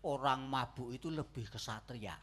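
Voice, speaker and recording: An actor playing a drunken man who philosophizes in a sly, preachy way, using low, drawling, mock-solemn speech. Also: normal speed, fairly bright tone, slightly rough. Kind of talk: stage comedy theatre acting.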